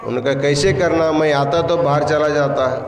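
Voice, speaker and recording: A man with a Marathi accent telling a religious story in a slow storytelling sermon. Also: a little high, steady tone. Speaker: spiritual leader giving a discourse. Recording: echoey hall, faint noise.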